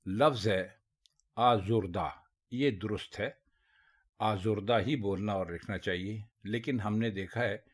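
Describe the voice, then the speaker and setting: A man with a lowish voice teaches Urdu pronunciation one word at a time. He speaks very slowly and deliberately, stressing each correct form. The tone stays patient and instructive throughout. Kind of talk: spoken word lesson.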